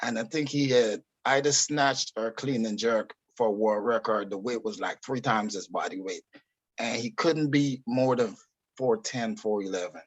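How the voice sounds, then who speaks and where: A man's voice: lowish voice, normal speed, dry recording. A middle-aged man with a Guyanese accent, a fitness coach telling stories in an easygoing, candid way as an interview guest. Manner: easygoing, candid, swears casually. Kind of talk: casual interview storytelling.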